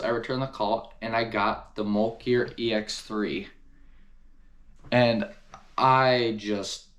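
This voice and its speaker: A man talking casually to camera as he reviews hunting gear, enthusiastic and repeating words for emphasis. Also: fairly low pitch.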